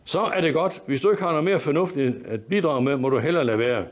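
A man's voice: medium pitch, expressive, darkish tone, natural voice. A man reading aloud voicing an indignant, moralizing middle-aged mother who scolds in a raised voice. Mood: scolding. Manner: scolding, outraged.

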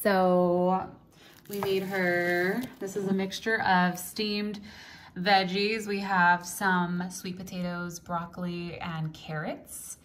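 A woman's voice: lowish voice, little pitch movement, slow pace, slight background noise. A young woman chatting casually in a home vlog, bubbly and a little tired, laughing often. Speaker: vlogger. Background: music.

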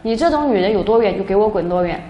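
A woman's voice: mid-range voice, animated, quick pace, dark tone, dull audio, natural voice. A woman voicing an angry, domineering young husband who scolds his wife, read in an echoey room. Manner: scolding, dismissive.

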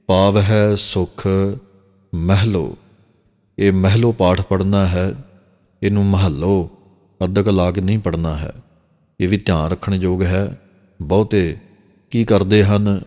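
A man with a very deep, low voice teaches the correct pronunciation of scripture. He recites each verse slowly and deliberately, then explains it. His voice rings with a long reverb tail. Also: darkish tone.

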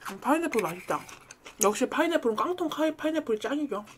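A woman's voice: sits high, animated, quick pace, background noise. A young woman chatting casually with viewers as a streamer, talking between bites of food. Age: young adult. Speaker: mukbang streamer and host. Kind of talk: casual chat with viewers while eating. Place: small furnished room at home, indoors. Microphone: studio microphone on a boom arm.

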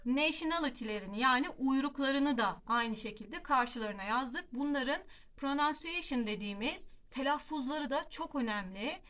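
A woman teaching a classroom lesson, explaining patiently and slowing down to model example phrases, often asking rhetorical questions. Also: high voice, animated, fairly bright tone. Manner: slow emphatic modeling of English example phrases. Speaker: English teacher.

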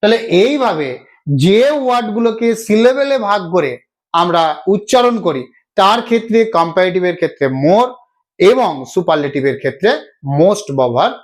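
High-voiced man teaching a grammar lesson. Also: animated, normal speed. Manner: patient, repeats each step and asks himself questions. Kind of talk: classroom-style video lesson.

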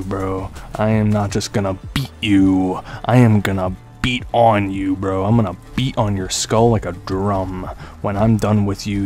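Slow-talking young man trash-talking a game boss. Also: sits low, a little mellow. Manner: trash-talks the boss, swearing often. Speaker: gaming video creator. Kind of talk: gameplay commentary.

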